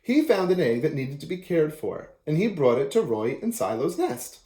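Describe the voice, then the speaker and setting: Lively, mellow-voiced man reading aloud. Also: fairly high pitch, normal speed. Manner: expressive storytelling. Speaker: children's book reader. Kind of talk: reading a picture book aloud. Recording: echoey room.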